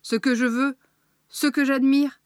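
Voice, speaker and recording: Woman reading a theatrical, scornful foreign eccentric who stretches every lament out slowly; dry sound. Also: sits high, fairly even intonation, no echo, pitched above the performer's own voice. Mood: scornful chatter. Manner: grandiose, drawn-out sighing lament.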